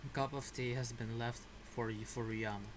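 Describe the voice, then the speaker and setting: A gamer gives casual commentary while playing, reacting informally and muttering to himself. His medium-pitched voice has fairly even intonation at normal speed, over a noisy background with game music.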